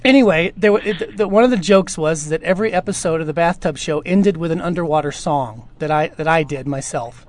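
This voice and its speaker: A man's voice: on the high side, brisk, few pauses. A man answering listener questions in a casual chat, rambling through long stories with lots of fillers and restarts. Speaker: audio drama producer. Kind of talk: casual podcast Q&A.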